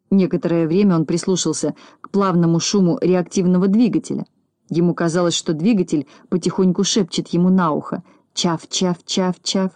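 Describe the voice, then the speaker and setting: A woman reading a children's story aloud in a calm, even storytelling voice. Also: on the low side, no room sound. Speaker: reader.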